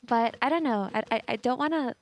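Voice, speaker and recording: A woman's voice: on the high side, fairly quick, dry recording. A woman on an esports panel analysing a match, out of breath and chatty, repeating words as she thinks aloud.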